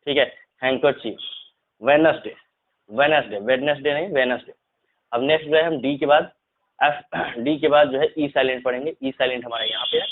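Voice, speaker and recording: A male teacher walks his students through spelling rules, going over each point more than once and pausing to check they follow. His voice sits at an ordinary middle pitch. The sound is thin and narrow, like a phone line. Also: a little hiss or hum. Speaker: English teacher. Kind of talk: classroom lesson explaining spelling rules.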